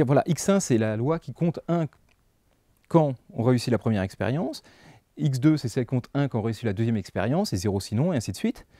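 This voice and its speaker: A man explaining math to adult learners in a relaxed, conversational way, full of fillers and asides. His voice is mellow and warm. The recording is dry and close. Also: mid-range voice, no echo. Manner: casual, chatty, thinks aloud with fillers. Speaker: math teacher. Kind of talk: lecturing over slides.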